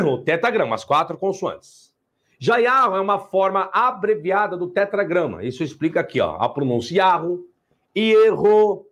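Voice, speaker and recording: A middle-aged Brazilian man gives a livestream lecture in a fairly high voice that rises and falls with wide swings. He talks emphatically, fires rhetorical questions at his viewers and scolds them now and then. When he reads out his source texts he slows his pace. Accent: Brazilian Portuguese. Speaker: online teacher and channel host.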